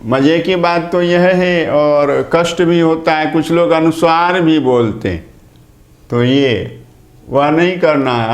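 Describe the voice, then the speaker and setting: A man lecturing at a very slow, deliberate pace, drawing out each point and repeating key terms for his students. His voice sits a little high for a man and rings in an echoey room. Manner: slow, deliberate explaining with repetition. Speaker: Hindi and Sanskrit teacher. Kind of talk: online lecture.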